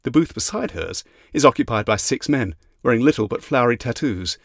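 A man narrating an audiobook in a measured, even reading. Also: medium pitch, vocal fry, no room sound, clean studio sound. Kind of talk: scripted narration.

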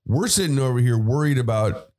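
A man's voice: mid-range voice, animated, fairly quick, a little mellow. A man hosting a podcast, giving casual political commentary in a conversational way with fillers and asides. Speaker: podcast host.

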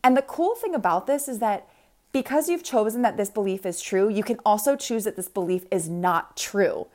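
A woman's voice: medium pitch, normal speed, a little mellow. A woman in her thirties hosting a motivational podcast, recorded in a small closet, speaking in an emphatic, informal pep-talk way. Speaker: podcast host and confidence coach. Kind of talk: casual motivational podcast monologue.

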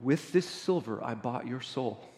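A man voicing a merciful older bishop in a retold story, speaking softly and solemnly. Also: very animated, moderate pace. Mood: hushed, solemn. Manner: soft, low and solemn. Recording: long reverb of a large hall.

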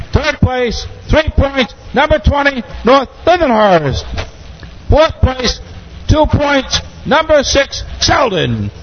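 A man formally announcing race results in a measured, declamatory way. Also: extremely high pitch. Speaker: track announcer. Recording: muffled, very noisy announcement audio.

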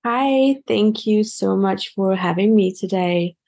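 Woman guest on a talk podcast: casual, searching for words, slow delivery. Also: mid-range voice, vocal fry, dark tone. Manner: hesitant, with many "like" fillers. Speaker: guest, a coach and public speaker. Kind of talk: casual conversation.

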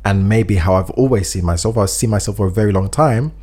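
A podcast co-host in a casual chat gives earnest advice and acts out example speeches. His voice is on the low side, fast, a little mellow and a bit phlegmy, with a breathy edge.

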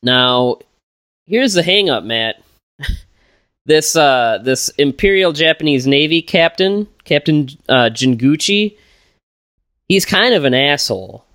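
A man's voice: a little high, animated, takes it slowly, long pauses, fairly bright tone, dry recording, clean studio sound. A man co-hosting a casual film podcast, rambling through plot summaries with lots of fillers, restarts and jokes. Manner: jokey, laughs while retelling plots. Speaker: podcast co-host.

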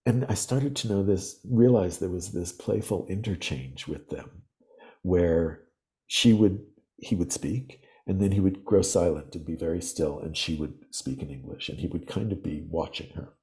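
A man in his sixties, a podcast guest, telling reflective, vivid stories at an unhurried pace with frequent pauses. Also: sits low, warm tone. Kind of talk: storytelling interview.

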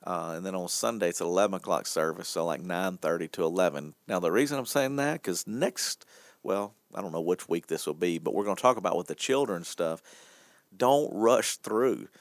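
A man's voice: deep voice, moderate pace, dry recording. A man co-hosting a church podcast, chatting casually and teasing his co-hosts with a laugh. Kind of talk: casual chat.

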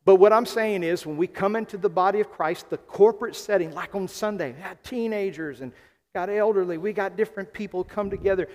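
A man's voice: sits high, brisk, a little mellow. A man from South Arkansas, a pastor preaching a sermon to his congregation, rising to emphatic calls and reading scripture aloud. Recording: long hall reverb.

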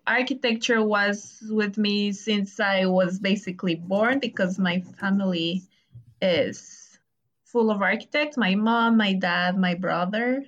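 A young woman from Ecuador, a graduate student and podcast guest, answering questions in a hesitant, casual way with pauses and restarts. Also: medium pitch, a bit bright, lo-fi sound.

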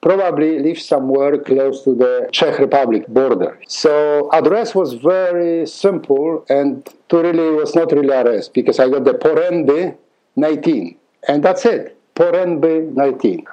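A middle-aged Polish conductor and music teacher tells a long story in an interview, speaking with a Polish accent, often repeating words and acting out dialogue. His voice is a little high with a dark tone, and the audio is poor.

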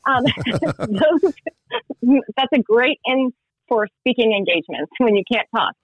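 A woman's voice: fairly high pitch, big pitch swings, unhurried, breathy edge, no echo, lo-fi sound. A woman speaking casually as a guest in a radio interview. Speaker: interview guest, spiritual mentor and biblical studies teacher.

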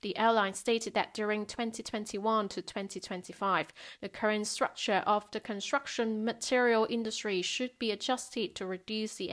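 Female news presenter for rapid, scripted market bulletins, medium-pitched voice. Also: fairly bright tone.

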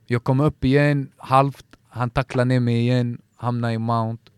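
A man's voice: medium pitch, flat delivery, a little mellow, clear, resonant tone, dry recording. En man som i ett avslappnat poddsamtal berättar känslosamt om en fight, stakande och med många omtag och utfyllnadsord. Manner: emotional storytelling, halting with many restarts and fillers. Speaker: MMA fighter guest. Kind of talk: casual podcast conversation.

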